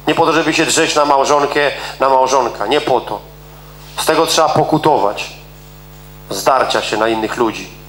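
A middle-aged man preaching a sermon with emphasis, repeating words for stress and swinging between fast and slow delivery. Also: mid-range voice, fairly bright tone, echoey room, slight background noise, rough recording.

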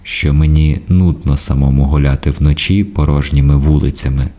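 A man voicing a masked male robber who talks slowly with mocking, overly polite courtesy. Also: very deep voice, steady tone, warm tone.

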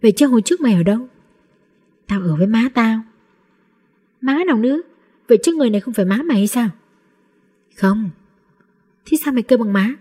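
A timid, easily frightened little boy who speaks in a hushed voice, read by a woman in a storybook. The tone is soft, dark and a bit husky. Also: fairly high pitch, lively intonation, fairly quick, pauses often. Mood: curious. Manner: quiet, hushed.

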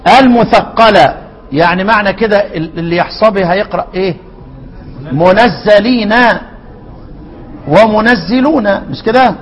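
A man with an Egyptian accent teaching a lesson on Quran readings, quizzing his students with rhetorical questions and slowly repeating words. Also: sits high, big-room sound, slight background noise, low-quality recording. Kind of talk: lesson explaining a classical poem on Quran readings.

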